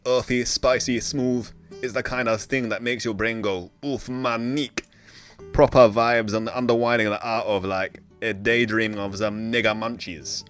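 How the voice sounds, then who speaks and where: A man doing a boastful, slangy guest whose put-on accent drifts between places and never lands anywhere. He talks loud and pushy, hyping everything up with a fairly low voice. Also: fairly even intonation, normal speed, soft background music. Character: male strain guest with a muddled put-on accent.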